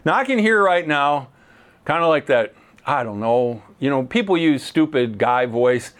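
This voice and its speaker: A man giving a conversational sermon, casual and joking, often slowing down for emphasis. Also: medium pitch, expressive, a bit bright, clean tone. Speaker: Bible teacher.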